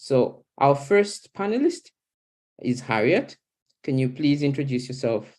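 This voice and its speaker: A man's voice: mid-range voice, very animated, unhurried, darkish tone. Young man moderating an online panel. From Zambia. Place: small home kitchen. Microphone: laptop webcam video call.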